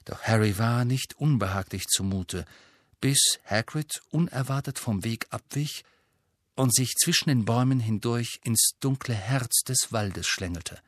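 Husky-voiced male audiobook narrator. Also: mid-range voice, unhurried, no room sound, studio quality. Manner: steady storytelling. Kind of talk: scripted narration.

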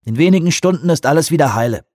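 A man reading an audiobook, voicing a relaxed dive station chief who reassures a colleague. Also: fairly high pitch, rapid-fire, dry recording, clean studio sound, pitched above the performer's own voice. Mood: reassuring. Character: middle-aged male dive station chief, easygoing.

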